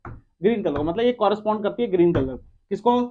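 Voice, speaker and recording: A high-pitched male teacher runs a lively classroom lecture and keeps quizzing his students. He teases and scolds them in between questions. The recording sounds dull and lo-fi. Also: brisk. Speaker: physics teacher. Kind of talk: classroom lecture with call-and-response.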